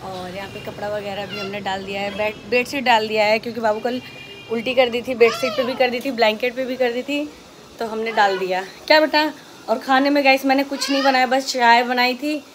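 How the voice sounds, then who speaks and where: Speaking a little fast with a slightly high voice and fairly even intonation, a woman chats to her viewers while showing her day at home. As a home vlogger and mother, she sometimes breaks into sing-song baby talk with her small child, and background noise can be heard.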